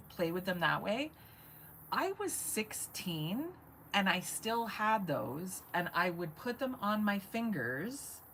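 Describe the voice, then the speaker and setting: A woman's voice: mid-range voice, a bit bright, a little hiss or hum, poor audio. A woman in her forties talking in a rambling, chatty live-stream monologue, swearing casually and laughing often. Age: 40s. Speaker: vlogger.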